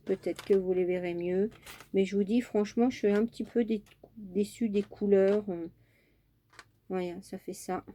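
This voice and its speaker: A woman's voice: medium pitch, steady tone, moderate pace, dark tone, a little hiss or hum. A woman chatting casually through a crafting tutorial at her home craft table, homely and talkative, with many fillers. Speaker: craft vlogger.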